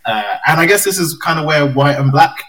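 A man's voice: fairly high pitch, lively intonation, a little fast, a bit bright, low-quality recording. A man hosting a casual podcast chat, talking hesitantly with lots of "like" and restarts. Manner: hesitant, filler-heavy with "like" and restarts. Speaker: podcast host.

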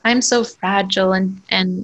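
A woman's voice: medium pitch, fairly even intonation, moderate pace, fairly bright tone, no echo, close to an everyday voice. A woman mocking a simpering, tiny young woman who talks in a little baby voice. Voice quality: babyish, whiny.

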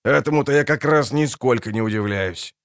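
A man voicing a grumpy, foul-mouthed dwarf wagon driver in an audiobook, gruff and barking. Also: medium pitch, brisk, no room sound, clean studio sound, natural voice. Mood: grumbling. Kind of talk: audiobook character voice.

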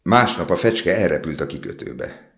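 A man narrating a fairy tale in a calm, measured way. His voice is extremely low and deep, steady from line to line, the plain register of a storyteller reading from a book. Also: gravelly.

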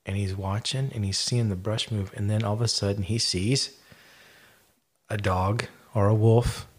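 A man's voice: on the low side, steady tone, measured pace, breathy edge. A man hosting a podcast, casually retelling eyewitness stories in a rambling way, with lots of fillers and restarts. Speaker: podcast host.

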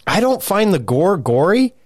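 A man's voice: sits high, big pitch swings, normal speed, no echo, clean studio sound. A man in his forties co-hosting a podcast in easygoing, crude banter, laughing often and swearing. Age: 40s. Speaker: podcast co-host.

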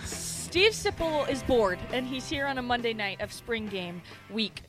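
A woman's voice: on the high side, lively intonation, unhurried, over music. A woman hosting a sports radio show, teasing and bossing her guests around in casual banter from the studio. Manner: bossy, teasing, laughs often.

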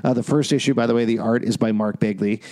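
A man's voice: medium pitch, fairly even intonation, fast talker, dark tone. Echoey male podcast host reviewing comics. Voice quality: echoing, from an improvised roomy space. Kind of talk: casual comic book review chat. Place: echoey makeshift space, not the usual studio. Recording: echoey room outside usual studio.

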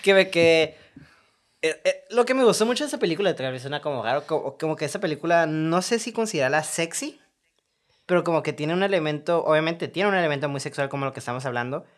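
A man with a Mexican Spanish accent chatting about movies on a podcast, crude and joking, telling his stories in an animated way. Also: on the high side, fast. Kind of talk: casual film discussion.

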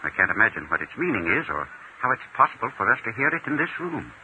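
An actor playing a genteel, wary millionaire, speaking politely and formally with theatrical pauses in a 1940s radio mystery. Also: male voice, mid-range voice, sing-song, sharp tone. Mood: alarmed. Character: genteel, wary millionaire fearing his own murder. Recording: tinny, faintly noisy old radio recording.

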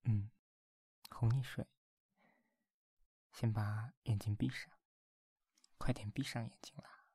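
A man's voice: fairly low pitch, steady tone, mellow, husky, dry recording, studio quality. A man voicing a tender, teasing young boyfriend at bedtime in an ASMR role-play, murmuring intimately and coaxingly in binaural closeness to the listener's ear. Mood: soothing, sleepy. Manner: slow, coaxing, playful. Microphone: very close binaural microphone, dry.

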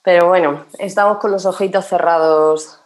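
A woman's voice: fairly low pitch, fairly even intonation, moderate pace. A woman, a guest in a casual conversation who talks emphatically and repeats words for stress. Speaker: podcast guest.

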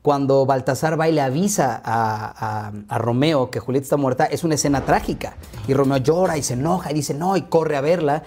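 A Mexican man in his thirties tells his childhood stories to an interviewer, rushing through the anecdotes with plenty of asides. He speaks with a Mexican Spanish accent. His delivery is very fast, and his voice is dark and mellow. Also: medium pitch, faint music behind. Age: 30s. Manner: lively, quick anecdotes with frequent asides. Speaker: interview guest. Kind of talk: relaxed interview storytelling.

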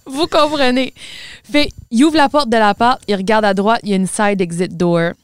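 A woman's voice: on the high side, moderate pace, background noise. A woman with a Québécois French accent, co-hosting a podcast and telling a story in casual chat, mixing English words into her French. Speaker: podcast co-host.

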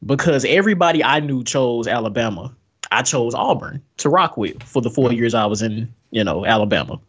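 A man with a husky, mid-pitched voice co-hosting a casual podcast. He talks in a laid-back way and tells his stories plainly. The sound is dull and lo-fi. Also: lively intonation, brisk. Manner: laid-back, brief agreeing remarks. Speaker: podcast co-host. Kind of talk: casual chat.

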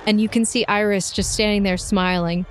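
A woman running a tabletop game, improvising descriptive narration with pauses between phrases. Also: medium pitch, fairly even intonation, a little hiss or hum. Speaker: game master. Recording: music behind the voice.

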